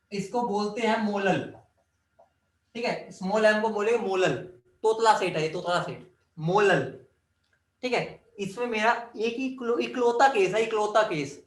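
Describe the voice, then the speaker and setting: A high-voiced man lectures on chemistry, firing questions at his class and joking as he works through formulas. He sounds set back from the mic, and the room rings with echo. His delivery stays a classroom lecture throughout. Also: a bit bright. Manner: drills formulas, quizzes students, jokes. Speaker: chemistry teacher. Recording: echoey room, mic at a distance.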